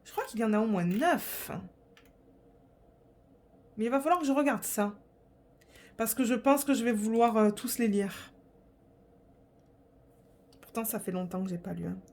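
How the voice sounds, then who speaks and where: A woman's voice: on the high side, normal speed, pauses often, a little mellow. A young woman vlogging in a casual, rambling way, chatting to her viewers with lots of fillers and restarts. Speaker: diamond painting vlogger. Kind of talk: casual chat to camera.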